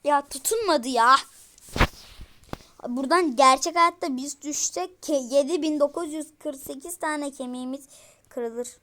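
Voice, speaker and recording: A woman giving casual let's-play commentary to her viewers, easily frustrated and breaking into loud exclamations. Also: high voice, moderate pace. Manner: talks straight to her viewers. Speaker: gaming streamer.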